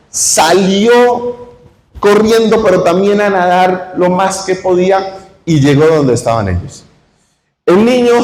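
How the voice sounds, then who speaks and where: A male preacher, speaking in a slightly high voice at an unhurried, deliberate pace. He tells a story that builds in feeling and later prays in a soft, hushed way. The sound echoes through a large hall with a long, lingering reverb. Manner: storytelling with rising emotion, then prays softly. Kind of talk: sermon illustration and prayer.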